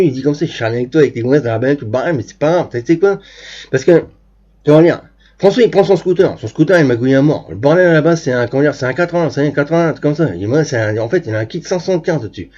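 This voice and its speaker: Fast, rough-voiced male storyteller, crude and digressive; dull lo-fi recording. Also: on the high side, darkish tone. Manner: crude slangy storytelling, constant asides and restarts. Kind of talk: rambling anecdote told to camera.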